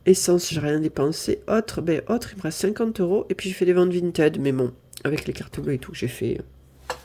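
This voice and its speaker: At home in her apartment, a budget vlogger from southern France, stuffy-nosed from a cold, chats casually through her budget in a diary-style video, thinking aloud over the sums and apologizing a lot. Her voice is fairly low and dark, and she talks a little fast.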